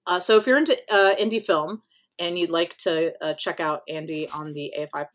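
A woman's voice: deep voice, fairly quick. A woman co-hosting a podcast in casual chat, rambling with lots of fillers and casual swearing. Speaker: podcast co-host.

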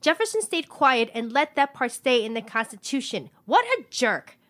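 A woman's voice: high-pitched, big pitch swings, moderate pace, a bit bright. A woman playing a blunt, indignant fourteen-year-old schoolgirl delivering a speech in an emphatic, outspoken way. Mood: indignant, declaiming. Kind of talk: scripted comedy sketch, speech delivery.

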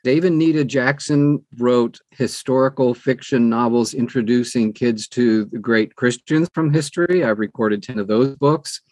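An older audiobook narrator gives an interview in a conversational style, marked by measured, emphatic phrasing and deliberate pauses. He has a mid-range, darkish voice with no room sound.

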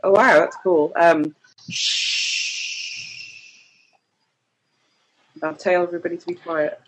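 A man playing a tabletop game with friends, excitable and joking, laughing often. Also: a little high, fairly quick, heavy background noise. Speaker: player. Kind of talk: casual tabletop play.

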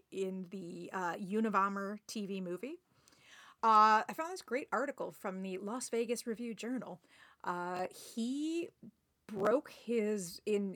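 A woman's voice: mid-range voice, a bit bright, no echo. Casual woman co-host, dry close sound. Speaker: podcast co-host. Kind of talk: casual chat.

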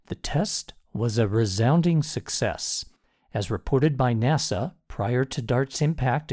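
American male science reporter; soft-edged warm tone, mid pitch, scripted delivery. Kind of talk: scripted science news narration.

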